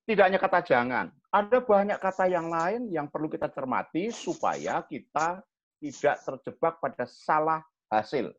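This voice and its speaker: Animated Javanese-accented man, lo-fi. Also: fairly high pitch, normal speed. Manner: animated, acts out examples with sharp raised-voice quotes. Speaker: communication coach. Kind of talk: explaining to young people in a chat. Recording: dull lo-fi sound.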